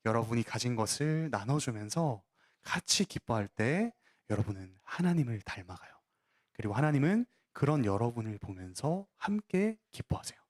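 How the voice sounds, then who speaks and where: Lively storytelling male pastor. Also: medium pitch, normal speed. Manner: animated storytelling aimed at children; asks the listeners questions and answers them himself. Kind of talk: sermon.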